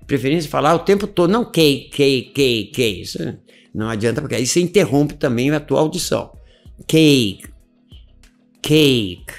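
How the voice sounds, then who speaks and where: A man teaching a casual video lesson, animated and repetitive, checking in often with his listeners. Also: mid-range voice, normal speed, faint music behind. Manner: animated, repeats words, frequent "tá?" check-ins. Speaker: English teacher.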